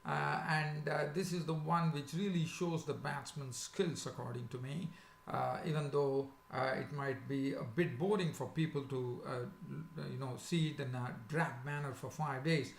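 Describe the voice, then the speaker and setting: Male sports preview host, sore swollen throat with some creak, halting delivery, echoey room. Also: on the high side, fairly even intonation, slight background noise. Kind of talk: casual unscripted sports preview commentary. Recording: echoey, roomy sound.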